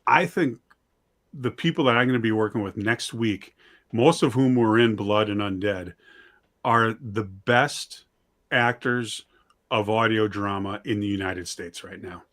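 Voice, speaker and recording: The guest, a writer and director of audio dramas, has a lowish, slightly bright voice and a measured pace. He speaks casually and without pretense, makes light of himself, and states his convictions emphatically.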